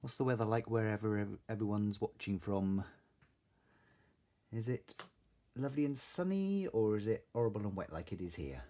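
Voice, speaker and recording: A man's voice: lowish voice, lively intonation, moderate pace, dark tone. A man chatting casually and informally as he hosts a craft live stream. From Salisbury, southern England. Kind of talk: casual live stream chat, greeting viewers.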